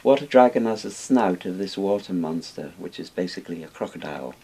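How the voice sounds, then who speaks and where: An older Welshman, interviewed as an expert on Chinese dragons, explains things casually and discursively in a small book-lined room. His low, dark voice is gravelly with a breathy edge, lively in intonation and a little fast. Hiss runs in the background.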